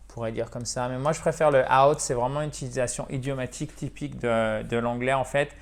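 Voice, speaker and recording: A man giving a video English lesson in French, explaining verbs and slowly modelling English example sentences. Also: medium pitch, fairly even intonation. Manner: addresses viewers as dear friends. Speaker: English teacher.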